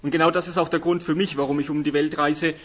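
A man's voice: on the high side, flat delivery, fast talker. A man interpreting a sermon phrase by phrase, sometimes correcting himself mid-sentence. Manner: renders each phrase right after the speaker, with fillers and self-corrections. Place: church hall in the evening. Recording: dull lo-fi sound.

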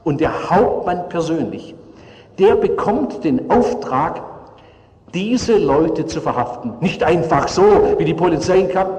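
A fairly high-voiced man delivers a sermon as lively storytelling and acts out the characters' lines. His voice rings through a large church hall with a long, echoing reverb. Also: measured pace. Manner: vivid dramatic storytelling, acting out voices. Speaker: preacher.

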